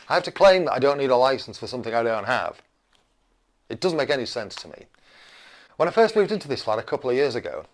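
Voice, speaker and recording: A British man in his fifties delivering an indignant, cranky rant as a video blogger, emphatic and full of rhetorical questions. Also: mid-range voice. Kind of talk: opinionated rant to camera.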